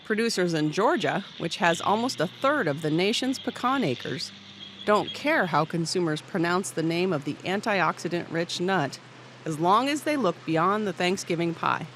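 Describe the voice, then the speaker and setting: A reporter reading scripted news narration in a steady, measured way. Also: medium pitch, slight background noise.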